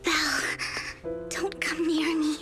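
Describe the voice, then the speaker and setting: A woman's voice: high voice, little pitch movement, takes it slowly. A woman voicing a tearful young woman who is giving herself up, in a game cutscene, her voice choked with crying. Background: game soundtrack music.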